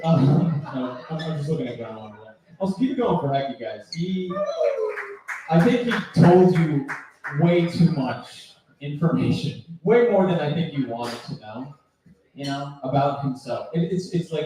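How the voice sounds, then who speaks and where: A man hosting an open mic, joking loosely with the crowd and laughing between lines. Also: on the high side. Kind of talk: emceeing and crowd work. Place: small bar with live audience. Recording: echoey bar room, mic heard from a distance.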